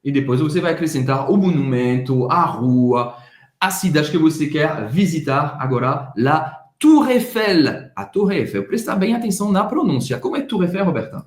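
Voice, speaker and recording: A man teaching phrases, saying each one slowly and clearly for learners. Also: on the high side, lively intonation, roomy sound. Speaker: French teacher. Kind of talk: casual bilingual language lesson.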